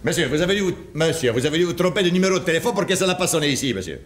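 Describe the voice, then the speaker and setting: A man's voice: on the high side, big pitch swings, very fast. A man putting on a Spanish accent to play an overly polite plumber on the phone. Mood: fawning. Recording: roomy amateur recording with loud noise.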